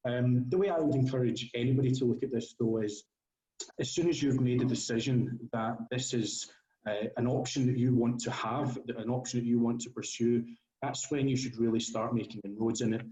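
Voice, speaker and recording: A man's voice: mid-range voice, fairly even intonation, fairly quick, dark tone. Scottish man, broad accent, echoey room. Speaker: guest golf scholarship consultant. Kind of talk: question and answer session.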